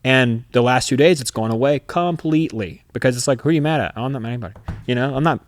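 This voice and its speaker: A man's voice: medium pitch, rapid-fire, no echo. A profane, emphatic man telling a story. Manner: emphatic, profane, swings into loud re-enacted outbursts. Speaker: podcast host. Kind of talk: candid conversational storytelling.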